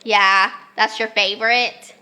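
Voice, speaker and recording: With a medium-pitched, steady voice and a slow pace, a young woman records a casual home vlog of a homeschool lesson among her children. She's congested, her voice is going, she uses many ums, and there's noise in the background.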